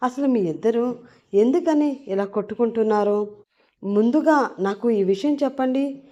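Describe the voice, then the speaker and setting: A fiery young sister shouts down two brawling men, her voice high, loud and indignant, as a woman storyteller puts her on. It is an audio story reading with plenty of scolding in every line. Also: moderate pace, highs cut off, lightly acted.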